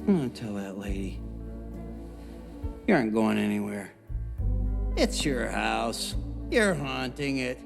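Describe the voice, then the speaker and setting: A man's voice: lowish voice, expressive, a little slow, gravelly, long pauses, full character voice. An actor playing a frazzled man pestered in a haunted house, in a comedy film clip with music behind. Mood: muttering resolve.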